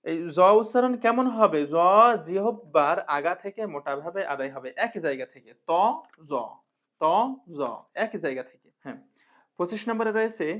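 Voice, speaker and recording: A woman teaching Quran reading in a recorded lesson, patiently repeating and drilling each sound. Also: on the low side. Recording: muffled lo-fi recording.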